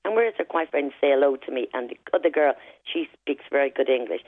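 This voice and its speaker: This Irish caller, middle-aged, has a very deep voice and phones a radio show, brisk and animated, with no room sound. Her emphatic talk is peppered with "right?" and "you know", all coming through a tinny phone line.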